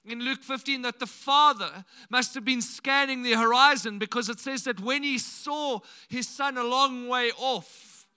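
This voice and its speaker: A man's voice: very high-pitched, measured pace, hardly any pauses, pushed and bright, clear, resonant tone. A man preaching a sermon in a conversational way, often repeating words and saying "like" and "you know".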